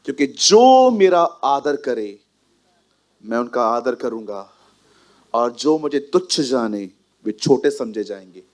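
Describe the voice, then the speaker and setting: A man voicing God as a solemn male figure pronouncing judgment, slow and grave. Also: medium pitch, sing-song.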